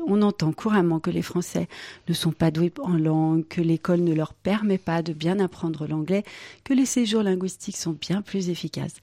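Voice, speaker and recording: A woman's voice: fairly low pitch, dark tone, no room sound. A woman presenting a radio press review, reading articles and adding wry asides. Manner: wry asides, light laughs.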